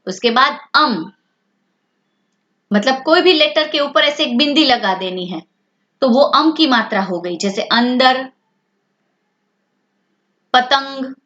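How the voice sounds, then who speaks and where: A woman teacher with a fairly high voice who talks slowly and patiently. She asks her pupils a question and then answers it herself. The sound is dull and lo-fi. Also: animated, bright, forceful tone. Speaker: language teacher. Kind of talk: explaining a language lesson to children.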